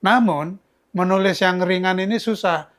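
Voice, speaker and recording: A man's voice: sits high, normal speed, a bit bright. An older man from Yogyakarta, a book's author, telling stories in a casual, chatty interview with frequent restarts. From Yogyakarta, Indonesia. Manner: chatty, storytelling, many restarts. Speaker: author guest.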